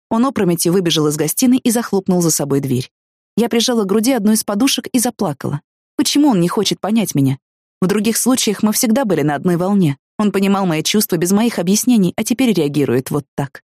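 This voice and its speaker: A woman narrating a first-person audiobook story in an expressive, emotional reading style. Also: mid-range voice, quick pace, no room sound, studio quality.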